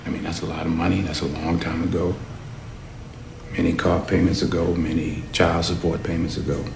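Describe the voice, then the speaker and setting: Deep, gravelly, defiant crime boss. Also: male voice, little pitch movement, fairly quick, background noise. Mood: musing, probing. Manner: cocky, streetwise, confrontational. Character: proud, defiant, menacing male Harlem crime boss. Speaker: crime boss under interrogation. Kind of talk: film drama acting. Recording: echoey room with music underneath.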